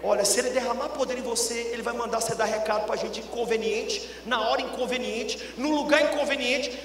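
A middle-aged man from Brazil, a pastor preaching a sermon through a long story, going from loud bursts to hushed lines. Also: very high-pitched, steady tone, fast talker. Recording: music and long reverb in a big hall.

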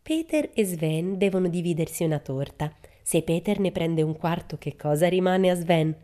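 A woman's voice: on the low side, normal speed, warm tone, natural voice. A woman voicing a strict, cold schoolmistress in a storybook reading, severe and prim. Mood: stern.

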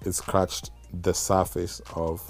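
A man's voice: low voice, little pitch movement, slow, faint music behind. A man with a Kenyan accent talking casually and reflectively as a guest musician in an interview.

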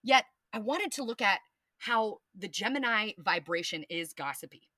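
A woman hosts a casual astrology podcast with a bright, clear tone, recorded dry and close. She talks animatedly, swears freely, and breaks into playful sound effects. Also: medium pitch, expressive, normal speed, dry recording. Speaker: podcast host.

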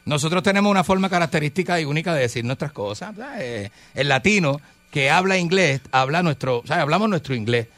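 A man's voice: a little high, animated, fast, hardly any pauses, a bit bright, no room sound. A man hosting a talk show in casual banter, joking and laughing often and dropping English words into his speech. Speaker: radio show host.

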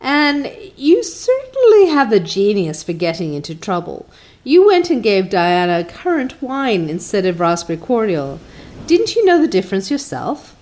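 A woman's voice: medium pitch, huge pitch swings, normal speed, darkish tone. Woman doing a curt older spinster, scolding, dry, no-nonsense. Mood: exasperated. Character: stern, brisk older spinster guardian.

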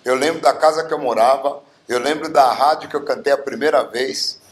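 This guest singer, a man in his seventies from Bauru, Brazil, speaks briskly in a mid-range voice, filling his casual interview stories with many fillers. Roomy echo colors the recording.

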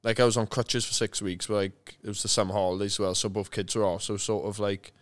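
Low, clear-voiced South Welsh man. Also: level tone, fast. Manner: informal, sweary, matter-of-fact storytelling. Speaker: interview guest, retired rugby player. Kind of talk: casual, candid podcast chat.

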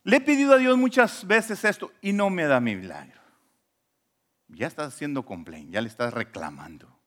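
Expressive pastor preaching. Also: male voice, moderate pace. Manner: swings between soft, low asides and raised emphatic lines; retells scripture with acted quotations. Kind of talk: sermon. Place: church.

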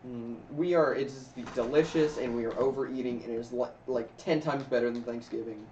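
A man's voice: mid-range voice, steady tone, a little fast, a little mellow, slight background noise. A man narrating a tabletop game as game master, in a casual, rambling way. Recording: roomy, distant, dull recording.

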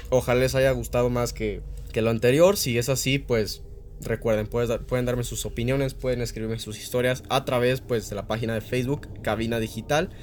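A man of ordinary pitch hosts a radio show and tells a short spooky story. He narrates dramatically, repeating phrases for effect and dropping casual fillers between lines. A faint hiss sits under his voice.

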